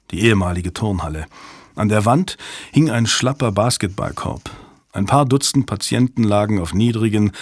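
A man's voice: lowish voice, no room sound. Male thriller narrator, dry studio read. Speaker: audiobook narrator. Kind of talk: scripted narration.

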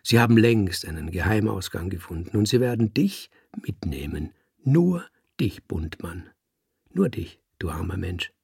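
A man's voice: low voice, animated, moderate pace, creaky, darkish tone, husky, no room sound, studio quality, exaggerated voice. A man voicing a scheming ship's mate with a thin, whispering voice in a storybook reading. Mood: insinuating.

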